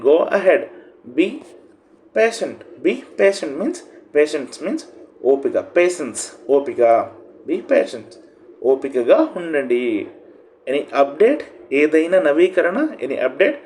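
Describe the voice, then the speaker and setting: A man with a Telugu accent teaches English phrases one at a time. His pitch jumps and swings widely as he stresses each phrase, and he speaks slowly. A faint hiss sits under the recording. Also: darkish tone. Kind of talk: phrase-by-phrase language lesson.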